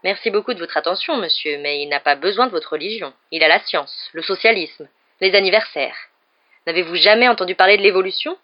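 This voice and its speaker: A woman reading aloud and voicing a haughty, mocking middle-aged aunt in a shrill, sneering tone. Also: a little fast, dull audio, close to an everyday voice. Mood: scornful.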